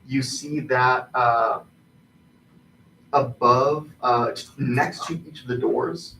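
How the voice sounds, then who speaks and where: A man improvising tabletop game narration as game master, haltingly, searching for his words. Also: mid-range voice, steady tone, creaky, bright, forceful tone. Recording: distant mic, roomy echo, faint noise.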